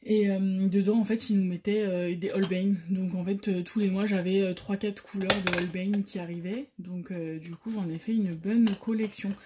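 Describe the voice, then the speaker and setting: A woman hosting a casual coloring vlog, talking quietly and at times in a whisper so her sleeping baby is not woken, with many hesitant fillers and restarts. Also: mid-range voice, steady tone, normal speed, hardly any pauses, background noise. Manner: speaks softly, sometimes whispering, so her baby keeps sleeping. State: out of breath. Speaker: coloring channel host. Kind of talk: casual show-and-tell vlog.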